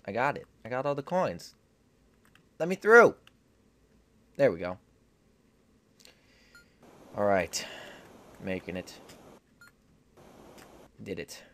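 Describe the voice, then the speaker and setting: A man's voice: on the low side, lively intonation, slow pace, pauses often. A young man giving casual gameplay commentary, repeating short phrases to himself. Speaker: gaming video host.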